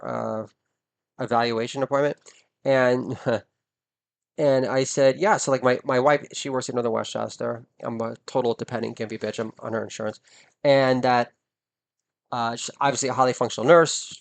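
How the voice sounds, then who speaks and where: A middle-aged man, a comedian, delivering a foul-mouthed, indignant rant that swings between muttered asides and shouted outbursts. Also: medium pitch, fairly even intonation, normal speed, gravelly. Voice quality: swears heavily, rising into indignant shouting. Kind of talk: ranting stand-up monologue.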